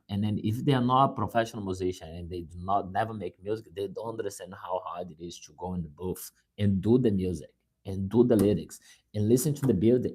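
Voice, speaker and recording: On a live stream, a Brazilian man gives an earnest motivational talk in English with a Brazilian Portuguese accent. His voice is low, dark and husky, and he repeats words, restarts sentences and keeps asking "right?"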